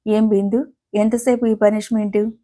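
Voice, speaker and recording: A woman voicing a calm, witty, affectionate elder-sister figure who speaks softly and teases gently. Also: medium pitch, normal speed, lightly acted. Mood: soft playful. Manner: soft, gently teasing.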